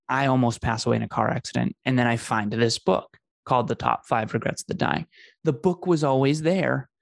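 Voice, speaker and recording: Earnest man with a gravelly voice. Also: medium pitch, dry recording, clean studio sound. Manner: earnest, emphatic, repeats phrases for effect. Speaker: podcast host telling his story as a guest. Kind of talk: conversational storytelling.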